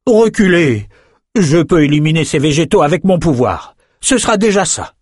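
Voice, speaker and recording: A man's voice: mid-range voice, moderate pace, darkish tone, dry recording, studio quality, pitched above the performer's own voice, lightly acted. A man voicing a weary, pompous male sorcerer in a fantasy audiobook, testy and haughty. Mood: commanding.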